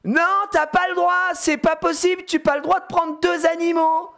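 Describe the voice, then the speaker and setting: A man's voice: very high voice, little pitch movement, moderate pace, vocal fry, fairly bright tone, pitched above the performer's own voice, full character voice. A man voicing a stubborn, bossy little girl who talks in an insistent, whiny, indignant way.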